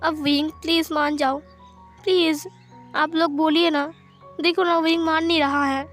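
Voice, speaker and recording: A woman's voice: high-pitched, level tone, a little slow, a bit bright, faint music behind. A woman voicing a devoted young husband who pleads and apologizes, stammering when upset, in a narrated story. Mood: pleading.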